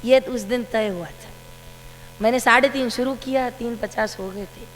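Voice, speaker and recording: A woman's voice: a little high, normal speed, a bit bright. A woman giving a devotional satsang talk, telling a story about her guru and quoting his words. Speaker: satsang speaker. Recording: long hall reverb with faint hum.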